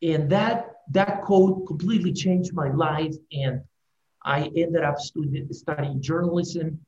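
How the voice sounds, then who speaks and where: A man's voice: on the high side, measured pace, darkish tone. A man from Peru, a guest on a radio interview, talking earnestly and stumbling over words. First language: Spanish. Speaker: guest, news agency director. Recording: dull, roomy remote line with faint hiss.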